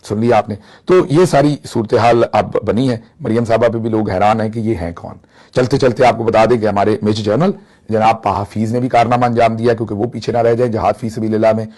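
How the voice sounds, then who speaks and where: A man from Pakistan delivers political commentary in a teasing, mocking tone, now and then dropping into Punjabi phrases. His voice sits low and sounds dark and mellow. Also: steady tone, brisk.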